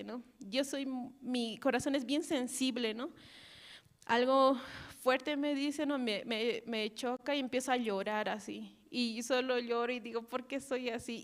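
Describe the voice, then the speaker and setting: A woman with a Bolivian Spanish accent giving a personal testimony at a church service, halting and tagging her sentences with little questions. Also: a little high. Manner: halting, repeats "¿no?" and "así" often, laughs softly.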